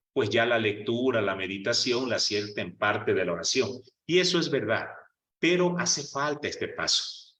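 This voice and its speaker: A man's voice: mid-range voice, fairly bright tone. A man preaching on prayer in a conversational way, full of rhetorical questions and acting out quoted prayers. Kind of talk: conversational sermon. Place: church meeting hall. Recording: roomy hall, distant mic.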